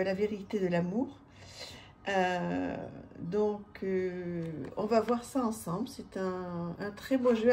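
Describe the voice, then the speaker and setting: Over slight background noise, a medium-pitched woman casually walks through an oracle card deck. She's warm-hearted and chatty, pausing and filling gaps often as she presents it.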